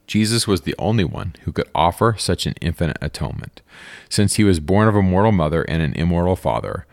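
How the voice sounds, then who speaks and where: A man's voice: low voice, animated, a little fast, creaky, darkish tone, no echo, clean studio sound. A man teaching scripture on a podcast, reading verses aloud and then explaining them in casual, everyday words.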